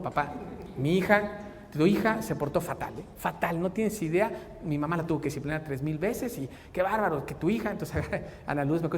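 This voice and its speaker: A middle-aged man with a Mexican accent gives a church talk, moving between homely anecdotes and pointed questions to his listeners. His voice carries a long reverb from a large hall. A faint noise sits under the recording. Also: fairly high pitch.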